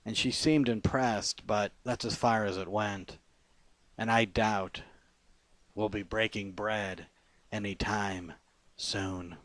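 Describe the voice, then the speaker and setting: In this spoken-word poetry reading, a man with a fairly low, fairly bright voice takes each short line deliberately and pauses between them. The poet's intonation is fairly even, and the sound is dry, with hardly any room around the voice.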